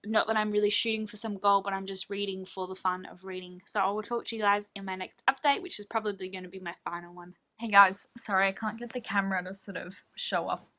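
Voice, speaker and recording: A young woman talks through her reading in a casual vlog, gushing and rambling with plenty of fillers. Her voice sits in a middle pitch with a bright, forward tone. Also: fairly even intonation, quick pace, few pauses. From Australia. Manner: chatty, gushing, many fillers. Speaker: book vlogger.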